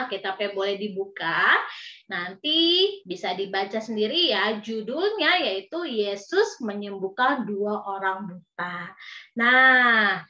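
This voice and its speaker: A woman's voice: on the high side, pushed and bright, muffled recording. A young woman with an Indonesian accent telling a Bible story to small children, coaxing and sing-song, often calling out to them. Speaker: Sunday school storyteller.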